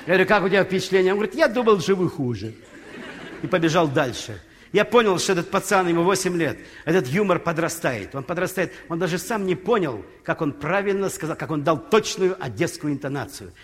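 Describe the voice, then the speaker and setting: An older man, a comedian telling humorous anecdotes in an unhurried stage monologue. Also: fairly high pitch, lively intonation. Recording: reverberant hall.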